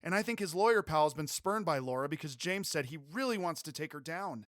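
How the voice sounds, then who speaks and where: A bubbly young cowgirl, bright and excited, talking fast and high, as a male narrator puts her on. Her voice sits well above his and comes out loud and eager. The recording is dry and close, with no room in it. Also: dry recording.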